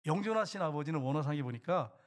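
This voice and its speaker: A middle-aged male pastor preaching a sermon, asking the congregation questions and swinging between loud and hushed. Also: fairly high pitch, animated, quick pace. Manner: preaching with rhetorical questions and acted quotes, voice rising and dropping.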